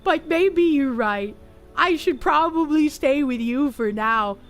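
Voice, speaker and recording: A frightened, slow-witted young man pleads and rambles in a high voice, as a woman puts him on. His talk keeps circling back to his worry. Faint game music plays underneath. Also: animated. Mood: scared, pleading. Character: anxious dim young man left alone.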